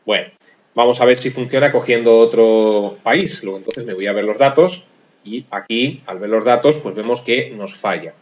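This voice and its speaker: A man's voice: mid-range voice, normal speed, a little mellow. Man, methodical screencast tutorial, thinks aloud, slightly dull lo-fi recording. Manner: methodical, thinks aloud, self-deprecating about his typing. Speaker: programming course instructor.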